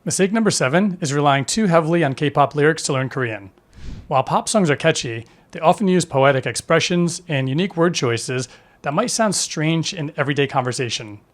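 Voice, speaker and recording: A man narrates a scripted language lesson in an even, instructive way. His voice sits a touch above the usual male pitch, and each point is delivered steadily, like a prepared explainer. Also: brisk. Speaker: language teacher.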